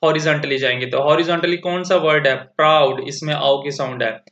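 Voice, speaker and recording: Guy teacher going thru a textbook, bright slightly high voice, slow careful english. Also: steady tone. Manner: reads English slowly then explains in Hindi. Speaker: school teacher. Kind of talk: textbook lesson walkthrough. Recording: echoey, dull lo-fi audio.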